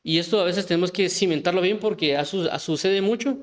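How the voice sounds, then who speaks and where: A man's voice: high-pitched, brisk. A man preaching an informal sermon, talking conversationally with frequent restarts and rhetorical questions.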